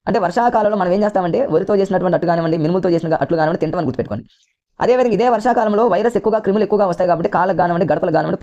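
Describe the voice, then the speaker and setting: A man's voice: high voice, warm tone. A man teaching an exam coaching lesson with a Telugu accent, repeating points and calling his listeners friends. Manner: rapid, repetitive, keeps addressing listeners as friends.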